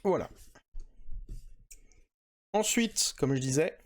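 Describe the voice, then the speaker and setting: A man's voice: a little high, lively intonation, takes it slowly. A man hosting a casual manga podcast, chatting with lots of hesitations and fillers. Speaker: podcast host.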